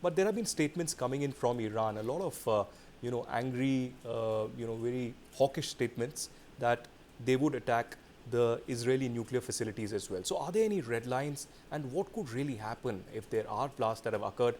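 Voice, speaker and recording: A man's voice: medium pitch, brisk, a little mellow, slight background noise. A man hosting a formal news interview, putting long, pointed questions with an emphatic build-up. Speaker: news interviewer, show host.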